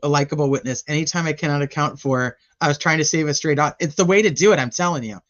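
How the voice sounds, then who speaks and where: A woman's voice: low voice, fast talker, lo-fi sound. A woman hosting a true crime channel, casually recapping trial testimony in a rambling, chatty way full of fillers.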